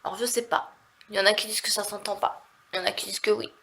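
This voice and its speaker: A woman's voice: medium pitch, little pitch movement, very fast, a bit bright. A woman from southern France with a nasal voice, chatting casually and rambling in a vlog. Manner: chatty, rambling, heavy on fillers. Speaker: vlogger.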